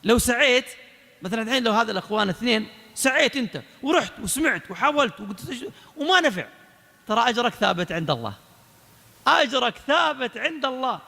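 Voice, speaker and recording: Fast, high-voiced preacher in a hall. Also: male voice, sing-song, gravelly, pushed and bright. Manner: exhorting, retells a story with quoted dialogue. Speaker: preacher giving a lecture. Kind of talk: religious lecture.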